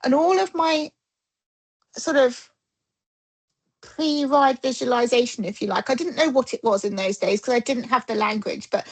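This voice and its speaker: Middle-aged woman guest, fairly high voice with gravel and breath in it, animated storyteller. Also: moderate pace, long pauses, low-quality recording. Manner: animated, acts out quoted dialogue. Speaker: dressage rider and coach, guest. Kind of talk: casual storytelling interview.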